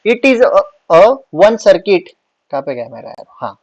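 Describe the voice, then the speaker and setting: Slow-speaking male lecturer, dull dry sound. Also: high-pitched, sing-song, no room sound. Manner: mixes English and Hindi, reads definitions slowly. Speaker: teacher. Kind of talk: exam revision lecture.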